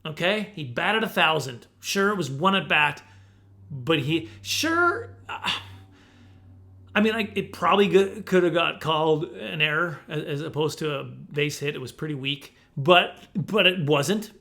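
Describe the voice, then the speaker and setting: A man's voice: fairly high pitch, moderate pace, creaky, pushed and bright. A middle-aged man telling comic stories, defensive in mock fashion and repeating himself for laughs. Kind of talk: comic storytelling monologue.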